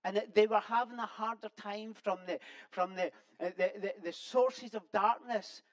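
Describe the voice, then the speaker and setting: Preacher, sermon, conversational and earnest, halting delivery with frequent restarts. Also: mid-range voice, steady tone, low-quality recording.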